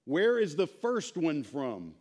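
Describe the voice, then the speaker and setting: High-pitched man teaching a Bible class. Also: takes it slowly. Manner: animated, informal, quizzing. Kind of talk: teaching a class with questions to the group. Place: church sanctuary, speaking to a small audience.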